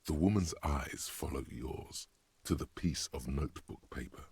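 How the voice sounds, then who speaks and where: A man voicing a brooding game narrator, reading scripted narration in a husky voice. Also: rumbling low, moderate pace, darkish tone, no echo, heavily acted. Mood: hushed.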